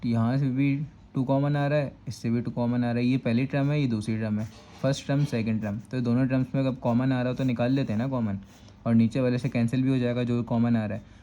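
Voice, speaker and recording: A man's voice: medium pitch, fairly even intonation, fast, dark tone, faint music behind. A man with a Karachi Urdu accent teaching a step-by-step math lesson, patiently repeating "thik hai" to check that students follow. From Pakistan.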